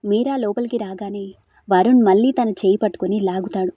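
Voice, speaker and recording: A woman narrating an audio drama story in a steady, expressive way. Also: medium pitch, fairly quick, dry recording.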